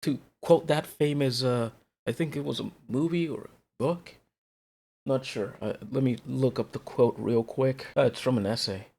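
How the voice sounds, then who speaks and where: A man's voice: mid-range voice, normal speed, gravelly, a little mellow. A man on an unscripted, rambling rant that escalates in exasperation, casually profane and repeating himself for emphasis. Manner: casual, heavily profane talk. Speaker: host of a solo rant show.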